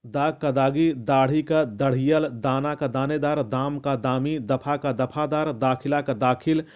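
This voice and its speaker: A man reading out a long list of word pairs as a lesson, measured and methodical, with the odd restart. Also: mid-range voice, steady tone. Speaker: teacher reading a Hindi vocabulary list. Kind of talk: slow recitation of word pairs.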